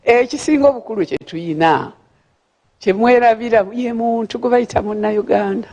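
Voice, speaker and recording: A woman's voice: a little high, normal speed, mellow, dull audio. An older woman with a Ugandan accent gives a speech at a gala, chatty and friendly, often repeating words as she searches for the next one. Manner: chatty, repeats words while searching for them, laughs at her own remarks. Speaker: guest speaker at a gala. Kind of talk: formal speech with friendly asides. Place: large banquet hall. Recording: long hall reverb.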